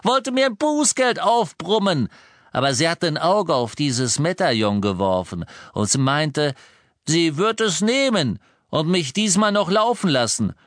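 A man's voice: on the high side, sing-song, unhurried, fairly bright tone, dry recording. Mundungus, a man doing a whiny shifty crook wizard. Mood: evasive. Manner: whiny, defensive, cursing. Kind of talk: audiobook character voice.

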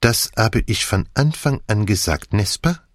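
A man's voice: on the low side, lively intonation, unhurried, no room sound, clean studio sound. A man reading an audiobook and voicing a polite, fussy older male detective who slips into French phrases. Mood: self-satisfied.

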